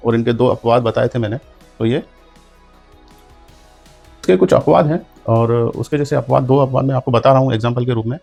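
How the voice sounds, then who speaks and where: A man's voice: medium pitch, a little fast, vocal fry, pauses often, darkish tone, faint music behind. A man teaching an English grammar lesson in Hindi, explaining rules step by step and spelling words out letter by letter. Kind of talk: classroom lesson.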